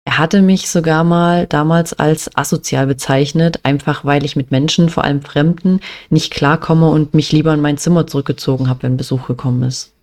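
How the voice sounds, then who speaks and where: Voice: medium pitch, fairly even intonation, moderate pace, hardly any pauses, a little mellow. Matter-of-fact young vlogger from Germany. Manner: matter-of-fact, many "ja" and "halt" fillers. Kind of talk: personal storytelling.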